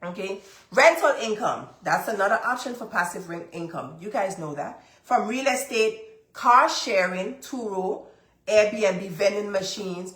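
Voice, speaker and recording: A congested woman hosts a livestream giving motivational money advice, speaking emphatically, repeating her key points and addressing viewers directly. Her medium-pitched voice is animated and fairly bright at a measured pace, and the room sounds roomy and echoey.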